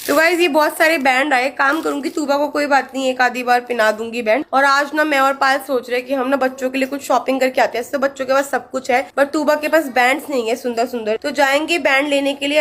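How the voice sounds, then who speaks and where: A woman's voice: sits high, a bit bright. A young woman and mother chatting casually to her viewers in a family vlog, talking to a handheld phone at home. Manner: chatty, addresses viewers as guys, frequent filler "na". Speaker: vlogger and mother. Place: indoors at home.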